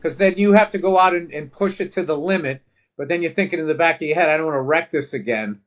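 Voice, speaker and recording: A man's voice: fairly high pitch, fast talker. A man on a podcast asking curious questions in a casual way.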